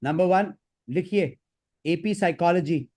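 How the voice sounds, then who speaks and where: A man with an Indian accent giving live career advice as a counsellor, in a brisk, instructive and emphatic manner. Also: sits high, a little mellow. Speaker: career counsellor hosting a session. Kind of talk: live advisory session.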